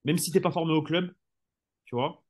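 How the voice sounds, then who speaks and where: A man's voice: on the high side, fairly even intonation, normal speed, breathy edge. A man, a sports journalist, arguing his points in a casual football debate with rhetorical flourishes and frequent conversational fillers. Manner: argumentative, rhetorical, fills speech with "tu vois".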